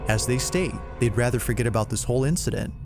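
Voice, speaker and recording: A man narrating a scary video compilation in a measured, scripted way. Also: mid-range voice, over music. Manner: measured storyteller.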